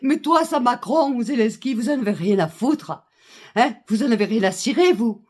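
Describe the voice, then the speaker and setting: A woman's voice: fairly high pitch, lively intonation, moderate pace, a little mellow. A woman in an indignant political rant, very angry, swearing and repeating herself. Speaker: citizen speaking out.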